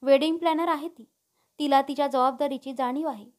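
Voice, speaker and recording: Woman reading as a calm young man, reassuring, high voice, storybook. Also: a little fast, natural voice.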